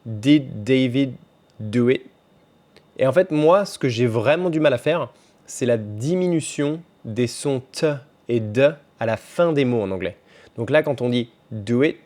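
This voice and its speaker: A man's voice: medium pitch, expressive, moderate pace, darkish tone. A young French man talking casually to his camera in a home vlog, chatty, with restarts and fillers. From France. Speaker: vlogger and language teacher.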